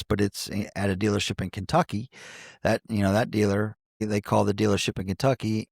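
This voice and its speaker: A man in his forties from Cincinnati, a guest on a podcast, talks in an earnest, folksy way and restarts his sentences often. His voice is low and gravelly. The studio sound is dry and close. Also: dry recording. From Cincinnati, Ohio, United States. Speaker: basketball coach, podcast guest. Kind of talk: reflective conversational storytelling.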